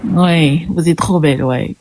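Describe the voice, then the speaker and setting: A woman caller joining a live stream, gushing with compliments in a giggly, lively way. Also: medium pitch, heavy background noise. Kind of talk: casual live chat.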